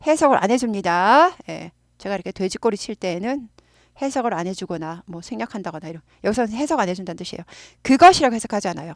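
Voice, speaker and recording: A woman's voice: medium pitch, animated, fast, no room sound. A woman with a Korean accent, an English teacher patiently explaining grammar and drilling pronunciation by repeating phrases.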